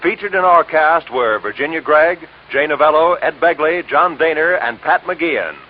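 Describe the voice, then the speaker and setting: A man's voice: a little high, normal speed, slight background noise. A man giving formal scripted announcements and credits, heard from an old broadcast disc transcription. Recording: tinny old radio disc with music behind.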